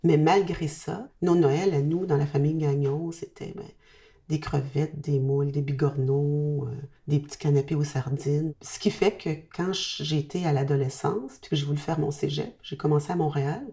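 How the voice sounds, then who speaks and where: Older woman in her sixties, deep and mellow voice, reminiscing on tape. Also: fairly even intonation, moderate pace. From Quebec. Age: 60s. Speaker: interviewee. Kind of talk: reflective documentary interview.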